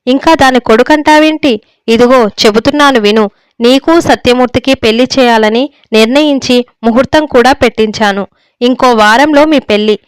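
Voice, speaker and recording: A woman reading a story voices a stern, domineering older father who shouts and scolds harshly, in a dry, clear recording. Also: on the high side, moderate pace, dry recording, close to an everyday voice. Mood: angry.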